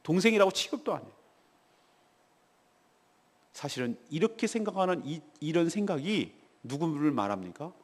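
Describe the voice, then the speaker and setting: A man's voice: on the high side, sing-song, normal speed, pauses often. A man preaching a morning devotional sermon as pastor, speaking emphatically and putting rhetorical questions to the congregation, in a church with a long reverb. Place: church sanctuary.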